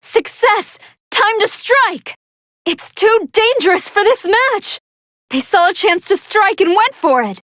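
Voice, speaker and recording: Android 21, a high-pitched scientist commentator. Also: female voice, animated, slow, fairly bright tone, no echo, clean studio sound, heavily acted. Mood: excited, amazed. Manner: articulate, analytical, formal. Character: brainy female android scientist commentating on battles. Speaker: fight commentator. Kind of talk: scripted video game match commentary.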